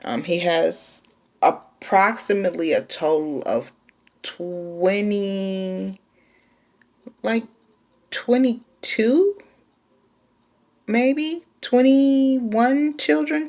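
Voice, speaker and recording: A woman in her forties telling a personal story in a casual, laid-back way, with frequent pauses. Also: medium pitch, expressive, gravelly, a little mellow. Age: 40s. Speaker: vlogger.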